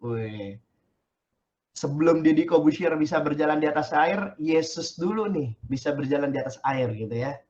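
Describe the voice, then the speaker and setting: A male pastor preaches in relaxed slang, joking with his listeners between scripture readings. His voice sits high for a man, and the dull, lo-fi sound softens it. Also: normal speed. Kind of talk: casual youth sermon.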